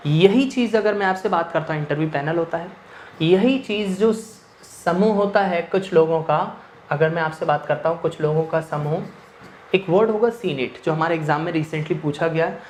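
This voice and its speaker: A man teaching English grammar speaks at normal speed in a slightly high voice, mixing Hindi and English within his sentences as he raises rhetorical questions and answers them himself. The room sounds echoey, with faint noise.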